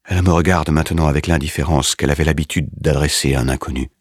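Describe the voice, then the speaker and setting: A man narrating a first-person dramatic story in a grave, measured manner. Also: rumbling low, fairly even intonation, breathy edge, dry recording, clean studio sound. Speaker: audiobook narrator.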